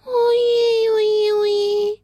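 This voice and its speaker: A woman's voice: very high-pitched, flat delivery, drawn-out words, mellow, dry recording, exaggerated voice. A woman voicing a cheerful, childlike male rabbit puppet that chatters eagerly like a small child on a children's radio show.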